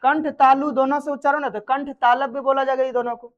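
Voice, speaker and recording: This high-voiced woman keeps a steady tone and speaks fairly quickly while leading a grammar class live, testing students with questions, echoing their replies and making sure they follow along. The recording is muffled.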